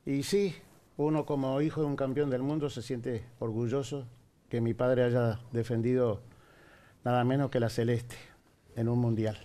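An older man raised in Venezuela, a guest on a TV studio talk show, answering in a modest, measured way and repeating his phrases. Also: mid-range voice, fairly even intonation, dark tone. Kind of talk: casual interview answers. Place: TV studio set.

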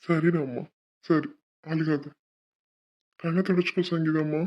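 A woman voicing a loving young adult man who gently pleads with his younger sister in an animated cartoon. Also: fairly high pitch, unhurried, close to an everyday voice. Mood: soothing. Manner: tender, pleading, emotional. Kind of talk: dubbed animation voice acting. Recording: dull lo-fi recording.

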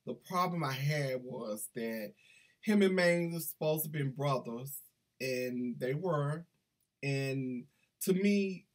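Middle-aged man, husky-voiced book vlogger, eager and rambling, webcam in a small room. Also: on the high side. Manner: enthusiastic, chatty, digressive. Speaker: book reviewer. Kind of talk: casual book review vlog. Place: small indoor room with banners.

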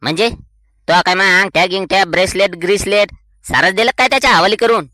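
A man's voice: high voice, fast, sharp tone, dry recording, studio quality. A man voicing a scolding village husband. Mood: exasperated. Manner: exasperated, scolding.

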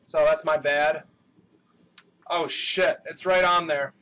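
A young man with a high, light voice talks loosely over his gameplay, swearing freely and breaking into excited outbursts. His pace is unhurried, and the sound comes through a webcam microphone rather than a proper mic. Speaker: gaming channel host. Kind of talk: casual gameplay commentary.

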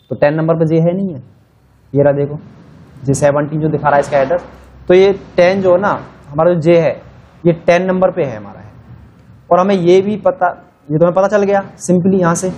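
A man's voice: a little high, a little mellow. A man teaching a spreadsheet tutorial in a casual, chatty way, talking through each step as he types and correcting himself as he goes. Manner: casual, conversational, thinking aloud while typing. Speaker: Excel instructor. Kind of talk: screen-share tutorial.

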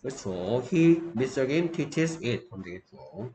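Slow-talking male teacher, echoey room. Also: mid-range voice, sing-song, dark tone. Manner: keeps checking in with students, asks and answers himself. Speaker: English teacher. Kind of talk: grammar lesson lecture. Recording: echoey room, faint background noise.

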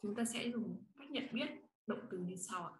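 A woman's voice: mid-range voice, normal speed. A woman teaching a language class, patiently explaining grammar and calling on students. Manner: explains patiently, asks students to read and answer. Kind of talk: online class instruction. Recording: roomy echo, faint noise.

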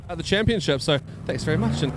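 A man's voice: fairly high pitch, animated, very fast. A man with a broad New Zealand accent interviewing as a pit reporter at a speedway. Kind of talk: trackside interview. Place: outdoors in speedway pits. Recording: noisy outdoor speedway, engines behind.

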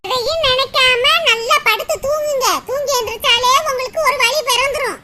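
A woman's voice: extremely high pitch, normal speed. A woman voicing a kind, motherly neighbor woman in a cartoon, talking in a soothing, reassuring, chatty way. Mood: caring. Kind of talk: cartoon voice acting. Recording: loud background noise.

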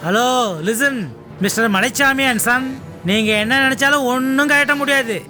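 A man's voice: extremely high pitch, moderate pace, sharp tone, exaggerated voice. An actor playing a sly, scheming middle-aged man who mocks and taunts his rivals in a television serial. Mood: mocking. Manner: taunting, sneering, theatrical. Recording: television drama with background music.

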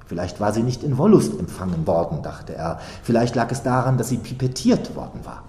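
A man, an author, gives an expressive reading of his own fiction with deliberate phrasing, live in a literature house hall. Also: lowish voice.

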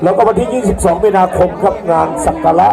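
A man giving excited live Muay Thai commentary and announcements in short, exclamatory calls. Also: high voice, fast, gravelly. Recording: loud music and crowd, outdoor event.

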